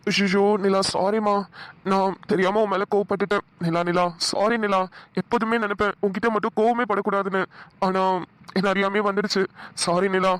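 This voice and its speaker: An actor voicing a bossy yet coaxing young cartoon husband, mid pitch, dry mic. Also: little pitch movement, normal speed, fairly bright tone, no room sound, natural voice. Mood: pleading. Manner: scolding, then pleading and chuckling. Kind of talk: Tamil cartoon dialogue.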